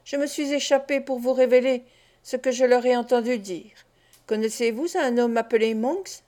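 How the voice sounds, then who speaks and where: A desperate young woman of the streets pleads through tears, read by a woman narrator. The voice sits fairly high yet sounds soft and mellow. This is an audiobook of a classic novel. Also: moderate pace, lightly acted. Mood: pleading. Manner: pleading, tearful.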